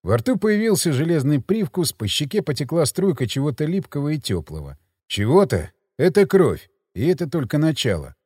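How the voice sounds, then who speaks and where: A man's voice: on the high side, very animated, moderate pace, darkish tone, breathy edge, no room sound. A man reading a first-person thriller audiobook in tense, dramatic scripted narration on a close mic.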